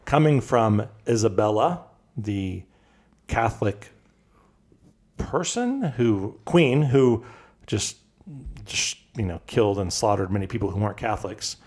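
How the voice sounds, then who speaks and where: A man co-hosting a podcast, telling a history story in loose, halting casual chat. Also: lowish voice, big pitch swings, a little mellow, husky. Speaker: podcast co-host.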